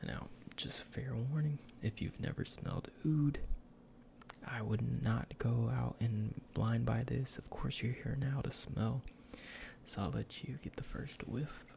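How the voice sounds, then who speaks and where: A man in a whispered role-play as a salesman, speaking in a breathy, gravelly whisper with informal, hesitant explanations. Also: medium pitch, steady tone, unhurried, mellow, slight background noise. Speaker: ASMR performer playing a cologne salesman.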